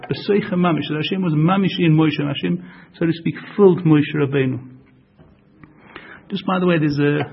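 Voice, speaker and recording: A man's voice: fairly high pitch, gravelly, slightly rough, lo-fi sound. A man giving a Torah class, explaining with repeated phrases and rhetorical questions and mixing Hebrew terms into his English. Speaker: Torah teacher.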